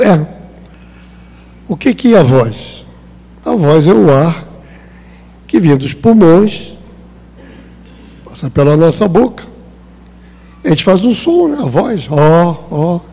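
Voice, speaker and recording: A man's voice: fairly high pitch, mellow, husky. A man with a Brazilian Portuguese accent giving a conversational spiritist talk, acting out little dialogues as he teaches. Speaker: spiritist lecturer. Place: spiritist center hall. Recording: long hall reverb.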